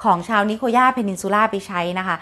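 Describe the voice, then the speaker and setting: A woman talking straight to her viewers in an easy, chatty way. She explains things step by step, mid-pitched, and keeps the talk flowing with polite little tags. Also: fast talker, bright, forceful tone. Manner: chatty, polite particles, refers to herself by nickname. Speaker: health talk host.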